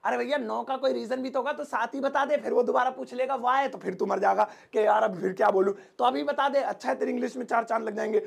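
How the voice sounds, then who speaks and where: Energetic man with a Hindi accent teaching a lesson, rough husky voice, playful and fast. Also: extremely high pitch. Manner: fast, joking, acts out sample dialogues. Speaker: English teacher. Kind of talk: energetic spoken-English lesson.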